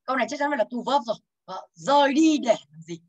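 Young woman English teacher, slightly high voice, lively and teasing, walking the class through exam answers. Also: fast, rough recording. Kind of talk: exam answer walkthrough lesson.

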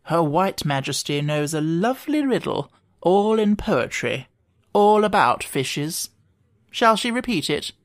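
A reader voicing a bossy, imperious queen from a storybook, speaking slowly and solemnly with decided authority. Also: medium pitch, lively intonation, in a large hall, close to an everyday voice.

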